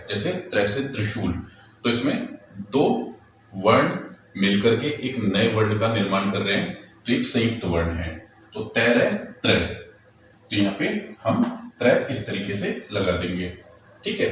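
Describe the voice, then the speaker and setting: A male teacher patiently explaining, step by step, how letters and vowel signs are written, asking and then answering his own questions. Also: on the low side. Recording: very echoey room, distant mic, faint noise.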